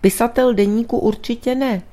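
In a storybook reading, a woman gives voice to a shrewd male priest detective, calm yet stubborn. He lays out his reasoning earnestly, pressing each point home, a touch higher than her low narrating voice. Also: natural voice. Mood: insistent.

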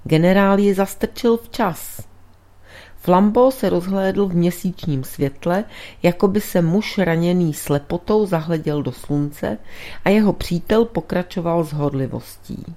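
A woman reads a literary story aloud in a measured, unhurried storytelling manner. Her voice sits very low for a woman, deep and steady through the narration. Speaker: audiobook narrator. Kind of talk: scripted narration.

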